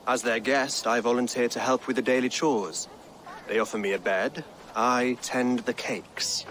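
An actor playing a grave, pious Anglo-Saxon king in a video game, with an English accent and a calm, measured, formal manner. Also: mid-range voice, slight background noise, lightly acted. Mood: calm, guarded. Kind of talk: video game cutscene acting. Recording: music behind the voice.

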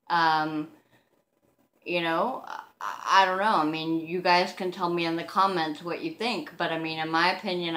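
A woman in her thirties talks casually to camera in a low, slow voice. Her speech is toothless and softly slurred, with a hesitant, self-conscious delivery. The room rings noticeably around her. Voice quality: toothless speech, soft slurred articulation without teeth or dentures. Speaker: vlogger. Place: living room, seated on a couch indoors. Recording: roomy, echoing home recording.

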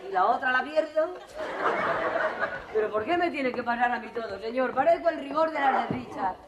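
An actress playing a luckless jilted woman in a stage comedy, swinging from quick comic asides to tearful pleading, in a 1980s televised theater recording with audience laughter. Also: sits high, lively intonation, echoey room, highs cut off, over a noisy crowd, very noisy. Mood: comic lament. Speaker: lead actress in a stage revue.

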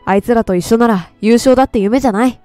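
A woman's voice: a little high, fast talker, warm tone, faint music behind, close to an everyday voice. A woman reading game lines aloud as a cheerful, earnest teenage boy soccer captain.

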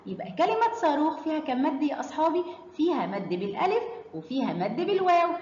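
A woman's voice: high voice, roomy sound, long reverb tail, lo-fi sound, a little hiss or hum. A woman with an Egyptian accent teaching a reading lesson to children. She stretches out syllables as she sounds out words, and she asks the class questions and then answers them herself. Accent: Egyptian Arabic.

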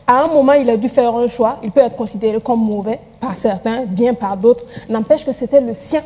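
A woman's voice: a little high, a little fast, warm tone, long reverb tail. A young woman, a panelist on a TV talk show, giving her view in a firm, matter-of-fact way. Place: TV studio.

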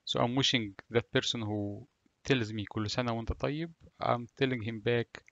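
A man with an Egyptian Arabic accent, a native Arabic speaker, giving a language lesson in a deliberate, word-by-word manner. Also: mid-range voice, steady tone, fairly bright tone, no room sound, lo-fi sound. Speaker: language teacher. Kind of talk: language lesson, slow explanation with repeated phrases.

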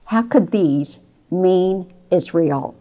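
A woman voicing a brave thirteen-year-old boy who asks earnest questions slowly. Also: fairly low pitch, lively intonation, dark tone.

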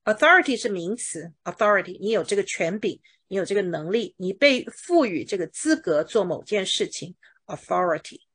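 Lively-voiced woman English teacher. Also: medium pitch, moderate pace, slightly rough. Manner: explains patiently with everyday examples, drills words. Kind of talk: pronunciation lesson.

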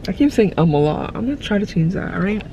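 Talking fast and very animated in a mid-range voice, a congested young woman vlogs from her parked car, rambling along with many fillers. The casual to-camera chat is captured on an arm's-length phone, and the muffled recording has faint background noise from the car.

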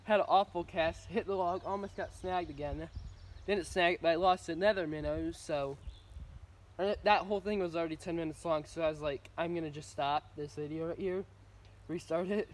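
A man's voice: a little high, steady tone, fairly quick. A man vlogging while fishing outdoors by a pond, talking casually and a little mumbled from the sunflower seeds in his mouth. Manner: rambling, chatty. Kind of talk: casual chat to camera.

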